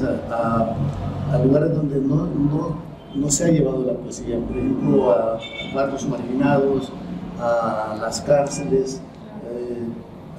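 Reflective middle-aged man, echoey and distant. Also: medium pitch. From El Salvador, raised in the United States. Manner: reflective, with many pauses and repeated words. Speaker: writer and poet, interview guest. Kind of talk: thoughtful interview answers. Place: high-floor room by a large window over a city. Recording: roomy echo from the camera mic at a distance, noise behind.

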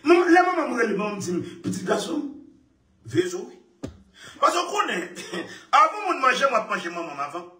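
A man talking excitedly in casual speech, laughing often and repeating his phrases. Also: very high voice, moderate pace. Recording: echoey room, far from mic.

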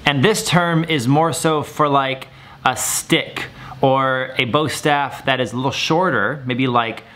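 A man's voice: mid-range voice, steady tone, slow pace, bright, forceful tone. A young man, a martial arts instructor, explaining terms in a video lesson and repeating words for viewers to copy.

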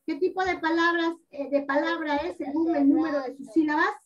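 High-pitched lady teacher on a video call, coaxing and patient, kinda distant and muffled audio. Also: steady tone. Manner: patient, coaxing, repeats words slowly. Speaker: primary school teacher. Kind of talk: online class teaching. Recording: dull lo-fi audio, distant from mic.

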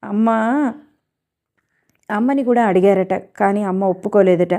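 A woman's voice: medium pitch, fairly even intonation, unhurried, mellow, lightly acted. A woman reading the part of a young woman who earnestly speaks about the father who left her. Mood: wistful.

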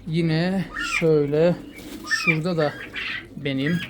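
A man's voice: a little high, takes it slowly. A man from Turkey showing his quails in a casual vlog, talking fondly and soothingly to the birds. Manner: fond, soothing, talks to the birds. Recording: noisy with bird sounds. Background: cooing birds, pigeons.

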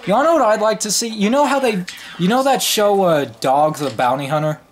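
A woman giving casual commentary over a shooter game, excitable and prone to loud exclamations. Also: mid-range voice, a little fast, a little hiss or hum. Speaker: gameplay commentator.

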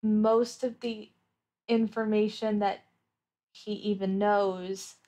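Her medium-pitched voice is warm but flat in delivery, and she speaks slowly. She's a player on an actual play podcast, casually thinking through her answers aloud as she plays a tabletop roleplaying game.

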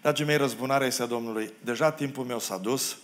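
A pastor from Romania preaching a sermon in a church, acting out the quoted biblical figures and making self-deprecating asides to the congregation. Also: male voice, mid-range voice. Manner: expressive preacher who acts out the biblical quotes. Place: church hall.

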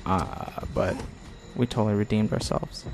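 A man's voice: fairly low pitch, sing-song, moderate pace, vocal fry, darkish tone, slight background noise. A young man giving casual gameplay commentary with playful, self-mocking banter.

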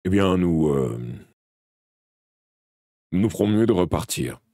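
A man voicing a stern, calm monster hunter who gives low, gruff commands. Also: slow, no echo, clean studio sound. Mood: grave, calm.

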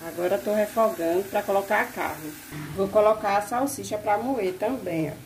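Filmed on a phone in her small home kitchen, a woman chats casually to her viewers as she cooks. Her mid-range voice moves at a moderate pace over a loud sizzling pan and kitchen clatter, with slight background noise and low recording quality.

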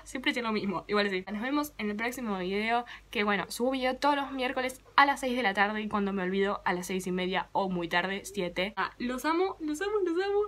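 A woman's voice: mid-range voice, fairly bright tone, a little hiss or hum. A young woman with a Rioplatense Spanish accent, chatting casually to camera in a dramatic, self-mocking vlog. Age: young adult. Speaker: vlogger.

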